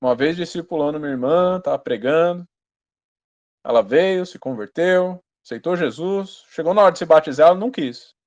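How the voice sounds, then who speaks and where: A Brazilian man preaching with a high, bright-edged voice. He delivers his sermon in a firm, urging way, and at times he drops into a hushed, close tone as he tells a story. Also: normal speed, dull audio. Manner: emphatic, rising to loud warnings, then dropping to a low, quiet storytelling tone.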